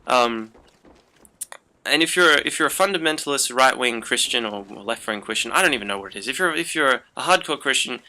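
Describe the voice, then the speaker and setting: A young man talks over gameplay in a loose, rambling way, leaning on fillers as he goes. His voice is strikingly bright and sharp. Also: medium pitch, animated, brisk. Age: young adult. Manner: rambling, chatty storytelling with many fillers. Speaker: gaming channel host. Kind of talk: casual commentary over gameplay.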